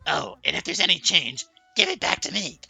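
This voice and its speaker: Game character: blunt, teasing grown woman, low and gravelly, sing-song delivery. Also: moderate pace, faint music behind, heavily acted. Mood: breezy. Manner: sly, deadpan, sing-song. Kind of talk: video game voice acting.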